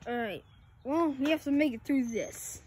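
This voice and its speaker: A woman chatting casually while filming a walk through overgrown grounds and derelict buildings on a handheld phone, now and then dropping into hushed asides. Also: high voice, lively intonation, moderate pace, a little hiss or hum. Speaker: vlogger exploring an abandoned farm. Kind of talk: casual handheld exploration vlog. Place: outdoors in an overgrown rural yard and derelict buildings. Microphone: phone camera held by the speaker.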